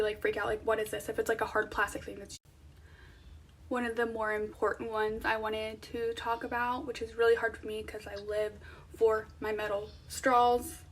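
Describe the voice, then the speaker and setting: A woman's voice: fairly high pitch, distant mic. A young woman talking casually to viewers in an informal, conversational vlog style. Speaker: vlogger. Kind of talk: casual chatty vlog to camera.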